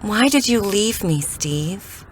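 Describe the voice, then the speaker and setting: A woman's voice: medium pitch, animated, slow pace, slightly rough. An actress playing an earnest, lovelorn female scientist in a melodramatic 1950s sci-fi parody. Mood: heartbroken.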